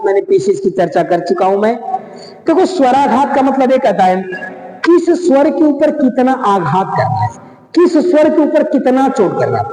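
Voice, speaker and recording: A high-voiced man gives a slow classroom lecture, repeating every key term and drawing out single words. His tone is mellow. The echoey room adds a long, roomy reverb. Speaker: teacher.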